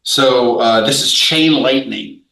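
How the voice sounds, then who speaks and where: Bright-voiced man in an echoey room. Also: medium pitch, slow, creaky, recorded from a distance. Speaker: player. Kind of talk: describing his character's action in a tabletop game.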